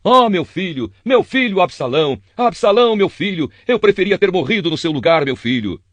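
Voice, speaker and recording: A man's voice: mid-range voice, sing-song, fast talker, a little mellow, slightly rough, no room sound. A man voicing an old king, moving from stately command to anguished cries over a lost son. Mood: anguished wailing. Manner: declaiming, anguished cries in lament. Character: grieving old King David, commanding then broken.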